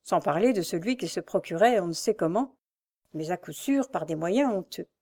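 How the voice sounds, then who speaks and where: A woman's voice: on the low side, expressive, moderate pace, dark tone. Woman reading a dramatic novel aloud. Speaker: narrator. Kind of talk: audiobook reading of a classic novel.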